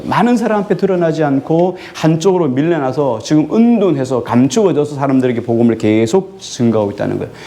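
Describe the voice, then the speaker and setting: A male pastor preaching a sermon to his congregation, putting questions to them and answering them himself, and drawing out key words slowly for emphasis. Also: on the high side, dark tone. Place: church sanctuary.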